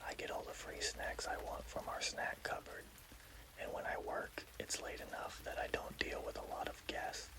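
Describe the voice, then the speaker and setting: A person telling a scary story in a hushed, slow, deliberate ASMR whisper.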